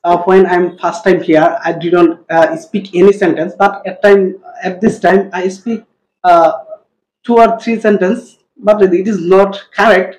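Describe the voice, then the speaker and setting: Hesitant Bangladeshi student, broken English. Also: male voice, high-pitched, steady tone, very slow, darkish tone, muffled recording. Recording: echoey classroom.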